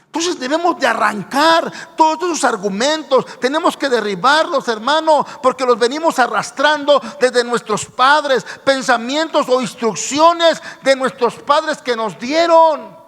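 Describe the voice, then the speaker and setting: A man's voice: very high-pitched, measured pace. A man preaching a sermon as pastor, emphatic and full of direct appeals to his listeners. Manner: emphatic, repeats "hermano", rising to shouts. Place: church sanctuary. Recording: echoey church hall reverb.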